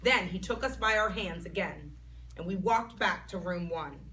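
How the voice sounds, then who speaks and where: A woman reading a children's chapter book aloud in an expressive, child-like narrating voice. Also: lowish voice, moderate pace. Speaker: storytime reader. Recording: voice a bit far from mic, faint background noise.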